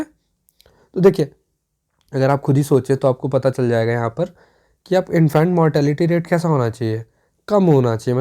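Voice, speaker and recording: In a dark, mellow, mid-pitched voice, a teacher leads an exam revision lesson. The explanations go step by step, with frequent checks that the class is keeping up.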